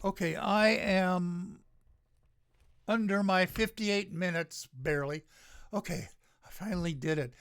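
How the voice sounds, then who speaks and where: Older radio host, solo commentary, unhurried, sarcastic, rambling. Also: medium pitch, gravelly. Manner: sarcastic, slow, rambling with many fillers. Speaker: radio talk show host.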